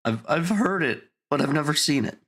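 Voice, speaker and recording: Man doing a nervous stammering captive thug, high and husky, tabletop game. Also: animated, moderate pace, a bit bright, heavily acted. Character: captured frightened male Redbrand thug.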